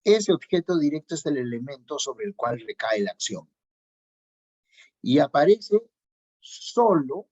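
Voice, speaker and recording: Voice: medium pitch, darkish tone, breathy edge. A teacher giving a grammar lesson, repeating key points and checking in with the students. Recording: dull lo-fi recording.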